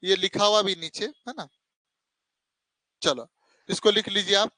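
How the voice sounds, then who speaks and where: High bright Hindi-speaking male teacher. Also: measured pace, no echo, rough recording. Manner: addresses students as beta, asks and answers own questions; corrects himself mid-explanation. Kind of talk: classroom lecture.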